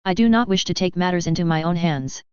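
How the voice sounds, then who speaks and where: Woman reading a solemn, quiet old lord. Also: on the low side, fast, smooth, no echo, natural voice. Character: proud, solemn older male lord. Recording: dull lo-fi recording.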